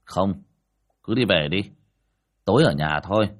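A gruff spirit master in a spoken ghost story gives blunt, no-nonsense orders in a low, husky voice, as a man puts him on. He speaks with a lively, rising and falling pitch. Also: unhurried. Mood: firm. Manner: blunt, matter-of-fact orders. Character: brusque, commanding male spirit master.

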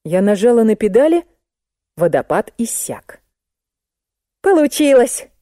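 A woman reading a comic novel aloud in the first person, with a lively and ironic storytelling manner. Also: medium pitch, normal speed, no echo, studio quality. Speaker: audiobook narrator. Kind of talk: expressive audiobook narration.

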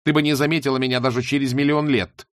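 A man voicing a bitter, scheming young woman singer who snaps, shouts and mocks in a storybook reading. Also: medium pitch, level tone, fast, dry recording, studio quality, lightly acted. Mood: mocking. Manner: snapping, shouting, mocking.

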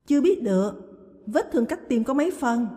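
A woman voicing a brisk hospital nurse who speaks hurriedly and urgently, with long reverb. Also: on the high side, expressive, warm tone, voice pushed up, lightly acted.

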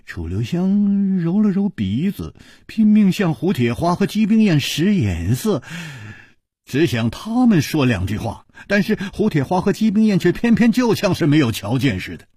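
A man's voice: high voice, very animated, moderate pace, darkish tone, husky, no room sound, studio quality. A man telling a martial-arts story in a dramatic, varied storytelling manner. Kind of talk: traditional storytelling.

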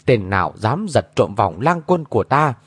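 A man voicing an imperious female martial-arts sorceress who barks commands and shouted questions. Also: mid-range voice, very animated, moderate pace, slightly rough, no echo. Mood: angry demanding.

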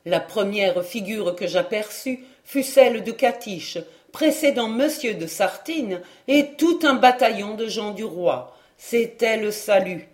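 An audiobook reader narrating a classic novel in the first person, in a measured, literary style. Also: medium pitch, lively intonation. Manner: slow, measured reading.

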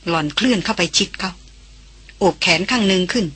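Husky, bright woman audiobook narrator. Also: medium pitch, brisk, dry recording. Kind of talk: scripted novel narration.

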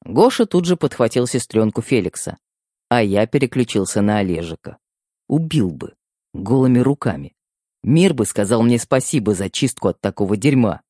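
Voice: mid-range voice, animated, normal speed, mellow, no echo, clean studio sound. An audiobook narrator giving an emotional first-person telling.

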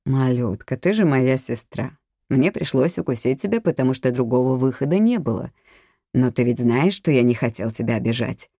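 An audiobook reader voicing a cold adult male killer who coaxes and threatens in a slow, low, soft voice. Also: lively intonation, breathy edge, no echo, studio quality. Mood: coaxing. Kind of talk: audiobook character reading.

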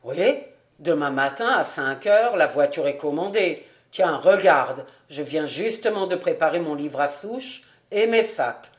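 Reader putting on an exuberant stout tax collector for an audiobook: booming, exclaiming, takes his time. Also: lively intonation, unhurried, natural voice. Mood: hearty. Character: jovial stout middle-aged male tax collector. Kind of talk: audiobook character reading.

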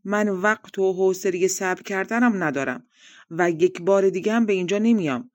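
A woman's voice: mid-range voice, a little mellow, dry recording, studio quality, lightly acted. A woman voicing an impatient male monster who demands a bride, in a storybook reading. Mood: demanding.

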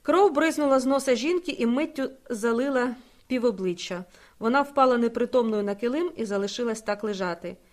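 A woman's voice: on the high side, brisk, a little mellow. A woman narrating a dramatic story as an audiobook reader. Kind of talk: scripted narration.

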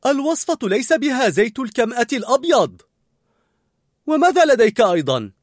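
A man's voice: high-pitched, sing-song, brisk, no echo, studio quality, pitched above the performer's own voice. A man voicing a stern young woman head cook who scolds sharply. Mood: sharp, scolding.

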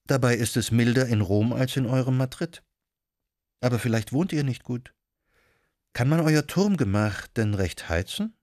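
A man voicing a kindly, ailing older cardinal in an audiobook, speaking gently and with concern. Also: mid-range voice, normal speed, dry recording, studio quality, close to an everyday voice.

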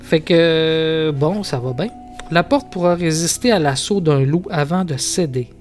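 A podcast host with a Québécois French accent reads a gamebook aloud, mixing dramatic narration with casual asides. His voice is a little high, a little slow and a little mellow, with soft music in the background.

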